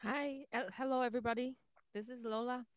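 Woman, smooth clear voice, dry close sound, hesitant. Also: fairly high pitch, fairly even intonation, fairly quick, no echo. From Vietnam. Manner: hesitant, many ums and restarts. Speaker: guest musician. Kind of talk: interview answers.

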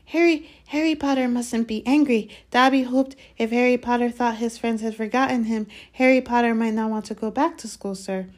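A woman voicing an anxious, pleading male house-elf with a high, squeaky voice. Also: fairly even intonation, normal speed, hardly any pauses, natural voice. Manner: high, pleading, speaks of himself by name.

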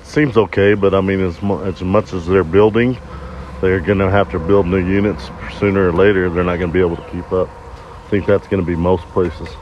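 A plainspoken man in his fifties answers questions in a very deep, low voice. He keeps his replies short and down to earth. Faint sizzling and outdoor noise sit in the background. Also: fairly even intonation, fairly quick, darkish tone, highs cut off. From Arizona. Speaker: interview guest. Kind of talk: casual interview. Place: campground outdoors.

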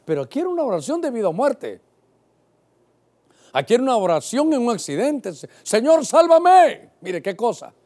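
A man's voice: high-pitched, big pitch swings, fairly quick, pauses often, mellow. A man in his sixties, a pastor preaching a sermon with passion who keeps calling his listeners brother.

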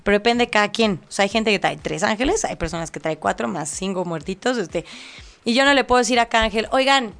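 A woman with a Mexican accent, a guest on an interview show, telling stories in lively casual chat and acting out the voices of the people in them. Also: mid-range voice, fast, gravelly. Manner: animated storytelling, acts out quoted voices, laughs often. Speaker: angel medium guest.

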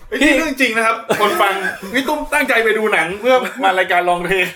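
A man's voice: extremely high pitch, animated, fast talker, a crowd in the background. A man on a podcast panel who keeps teasing and cracking jokes. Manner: teasing, jokey. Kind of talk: casual chat.

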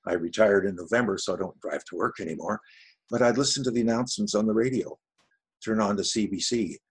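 A man's voice: lowish voice, fast talker, breathy edge. A retired man in his sixties from Canada, chatting in an interview about his voice-over work in a rambling, self-deprecating way. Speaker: voice-over artist guest. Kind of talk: casual interview chat.

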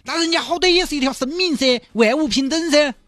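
A man with a Sichuanese accent voicing an excitable, soft-hearted man who gushes and wheedles for a dolphin's life. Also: a little fast, no echo, studio quality. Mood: pleading. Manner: shrill, gushing, wheedling.

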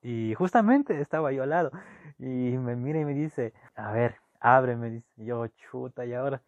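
Young man, animated anecdote teller; dry, muffled lo-fi take. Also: mid-range voice, moderate pace, no room sound. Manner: animated, swings between loud bursts and hushed asides. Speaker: storyteller. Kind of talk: casual personal anecdote. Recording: dull lo-fi dry recording.

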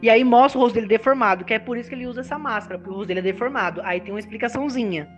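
Fast-talking woman host leading a film chat. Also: a little high, muffled recording, faint music behind. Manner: quick, enthusiastic, leads the segments. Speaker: podcast host. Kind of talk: casual movie review chat.

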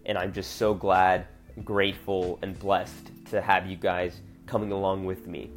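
A young man with a low-pitched voice that sounds stuffed up and nasal, as if his nose is blocked. He hosts a podcast alone in an informal, earnest, chatty way. Music plays along with his voice. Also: flat delivery, measured pace. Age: young adult. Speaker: podcast host. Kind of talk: casual solo podcast chat.

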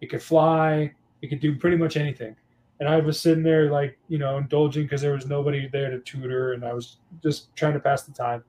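A man's voice: on the high side, brisk. A young adult man, a guest on a casual podcast, telling teaching stories with lots of fillers. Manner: storytelling, animated, many fillers.

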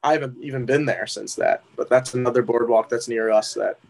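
A man's voice: mid-range voice, a little fast, gravelly, a little mellow. A young man from New Jersey, a musician guest, chatting in an easygoing, hesitant way with many fillers. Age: young adult. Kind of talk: casual interview chat.

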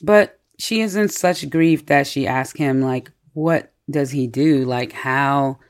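A podcast co-host in a casual book discussion, retelling the story in an animated way with many fillers and frequent laughter. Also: mid-range voice, slow pace. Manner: laughs often while retelling.

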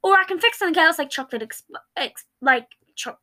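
A woman's voice: very high-pitched, animated, a little fast, pushed and bright, voice pushed up, full character voice. A woman voicing a manic, morbid young man who blurts out gory jokes while reading fan fiction aloud. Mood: eager.

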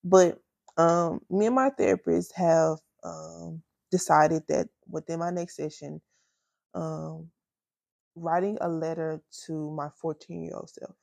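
A woman in her twenties talks openly in slangy, halting chat, close to tears. Her voice sits low with a gravelly fry. The sound is dry and close, with no room around it. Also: little pitch movement, darkish tone, dry recording. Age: 20s. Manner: candid, emotional, slangy, halting. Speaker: podcast host. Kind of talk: personal casual chat.

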